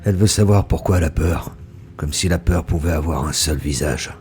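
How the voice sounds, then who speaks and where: In a scripted audio drama, a very deep, slightly mellow male narrator broods over faint music, speaking slowly and pensively. The character is played by a man who was human only for seconds.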